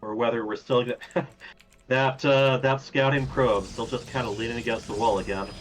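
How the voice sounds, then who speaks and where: A man casting a live strategy game, easygoing and quick to laugh, at times stretching out names in an announcer voice. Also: mid-range voice, fairly even intonation, a little hiss or hum. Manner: easygoing, laughs often, slips into a drawn-out announcer voice. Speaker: esports caster.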